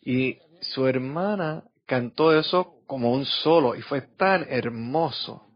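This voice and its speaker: A man's voice: medium pitch, takes it slowly, no echo. A middle-aged man preaching a sermon and telling personal stories, acting out the voices of the people he quotes. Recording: dull lo-fi recording.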